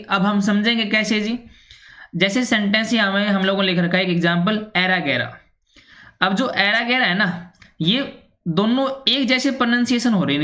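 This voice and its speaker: Woman, English teacher, patient and repetitive explainer, mid-pitched voice. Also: fairly bright tone. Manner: repetitive, with constant "theek hai" and "ji" fillers. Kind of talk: explanatory lesson.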